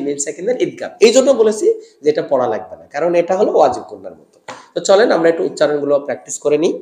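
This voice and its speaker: A man teaching Quran recitation rules to teachers, explaining patiently and drawing out example words in slow chant. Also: on the high side, mellow, reverberant. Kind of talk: tajweed lesson for teachers.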